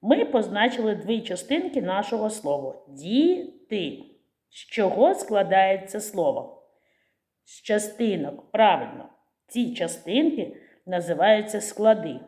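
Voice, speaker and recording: This teacher, a woman with a Ukrainian accent, leads little children through a literacy lesson in a slow, clear, sing-song way. Her medium-pitched voice swings widely and carries a warm tone.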